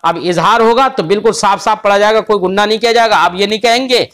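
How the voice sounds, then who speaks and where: In an online lesson, a man teaches the rules of Quran recitation, explaining patiently and drawing out the example words slowly. His voice is high-pitched and a bit bright.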